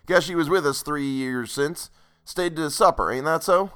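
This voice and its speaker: A man's voice: on the high side, normal speed, a bit bright, clean tone, pitched above the performer's own voice, close to an everyday voice. A man voicing a shrewd, talkative old country innkeeper with a rural American drawl. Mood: jovial. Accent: rural American dialect. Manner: folksy, talkative, nosy. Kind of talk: audiobook character voice.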